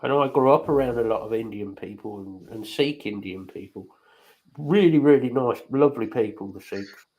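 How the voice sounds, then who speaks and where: A man's voice: mid-range voice, moderate pace, darkish tone, low-quality recording. Blunt, crude man. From England. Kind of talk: casual chat.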